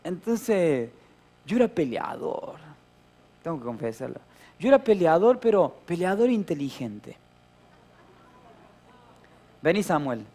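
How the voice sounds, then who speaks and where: A man's voice: a little high, very animated, measured pace, pauses often, dark tone. A middle-aged man with a Rioplatense Spanish accent, preaching a sermon as pastor and telling a childhood story with playful humor and acted-out voices.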